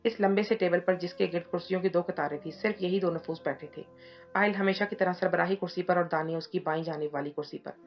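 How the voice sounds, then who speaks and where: A woman narrating a romantic novel in a steady storytelling manner. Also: fairly low pitch, fast talker. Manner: steady storytelling, reading all parts in her own voice. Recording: dull lo-fi audio with soft music behind.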